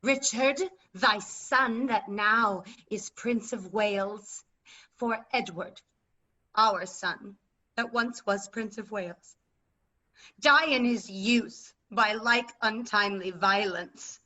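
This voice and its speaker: A woman's voice: mid-range voice, pushed and bright. A woman playing a bitter, deposed old queen in classical verse, declaiming with scorn over a video call. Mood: venomous cursing. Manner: declamatory, scornful, slow and deliberate. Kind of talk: classical verse stage acting. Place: remote video-call staged reading. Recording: dull video-call audio.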